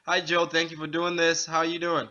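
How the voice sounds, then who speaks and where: Bright, upbeat male host. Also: a little high, completely flat delivery, brisk, highs cut off. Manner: upbeat, laughs often. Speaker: interview host. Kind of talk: casual interview.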